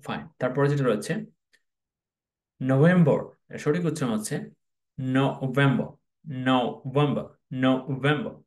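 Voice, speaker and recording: A man's voice: mid-range voice, a little mellow. A man with a Bangladeshi accent teaching English pronunciation in a spoken lesson, repeating each model word several times and mixing English words into his speech.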